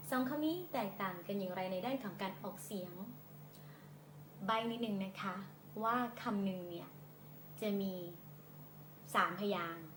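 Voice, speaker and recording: A Thai woman gives a casual English lesson, drawing words out slowly and playfully as she drills them. She is recorded on a phone in a room with noticeable echo. A faint ambience sits behind her voice. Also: mid-range voice, background noise. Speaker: English teacher. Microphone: phone camera.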